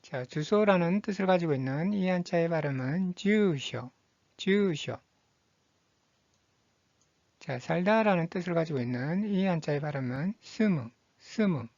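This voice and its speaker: A woman teaching Japanese vocabulary, reading each word slowly and repeating it twice in a patient, methodical drill. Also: lowish voice, lively intonation, a little mellow, dry recording, lo-fi sound. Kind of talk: slow, deliberate vocabulary drill.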